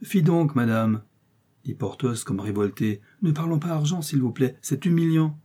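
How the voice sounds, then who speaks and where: A man's voice: mid-range voice, normal speed, dark tone, slightly rough, lightly acted. A man voicing a vain, boastful musketeer who speaks in a pompous, self-important manner, in a storybook reading.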